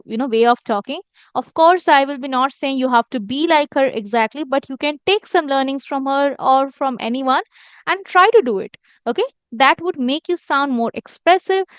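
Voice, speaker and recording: A woman with a high-sitting voice and no room sound teaches communication, explaining emphatically and repeating phrases for stress. The lesson is instructional and includes lines she demonstrates.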